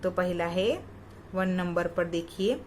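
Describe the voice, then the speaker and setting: A woman teaching young children in a recorded lesson, patient and repeating each sound with clear stress. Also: fairly low pitch, fairly even intonation, slow pace, a little mellow, slight background noise. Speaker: kindergarten teacher.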